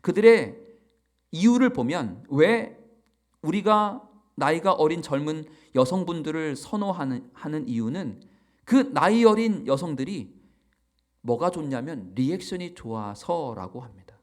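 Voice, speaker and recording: A man from Chungcheong preaching a sermon as pastor, telling stories in an animated, expressive way. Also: on the high side, a little slow. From Chungcheong, South Korea.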